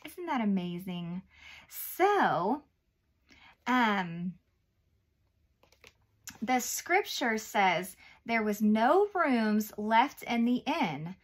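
A woman in her thirties reading and explaining a Bible lesson to young children in simple, encouraging words, as if reading to a toddler. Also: medium pitch. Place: small indoor room, seated at a table.

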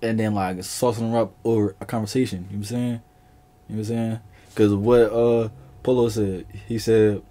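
A man's voice: fairly low pitch, level tone, brisk, mellow. A young man co-hosting a reaction video, talking casually in a laid-back, rambling way with repeated stalls. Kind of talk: casual chat.

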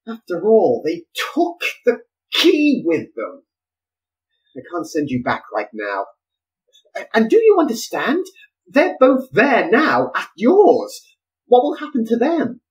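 An actor playing a frantic, eccentric inventor who exclaims and pleads in a flustered way. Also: male voice, high voice, heavily acted, low-quality recording.

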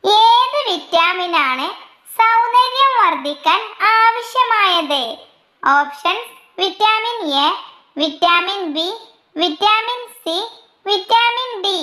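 A woman reading out quiz questions, their options and the answers in a slow, measured way, dropping her pitch for each list of options. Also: lively intonation, pushed and bright, echoey room. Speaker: quiz reader.

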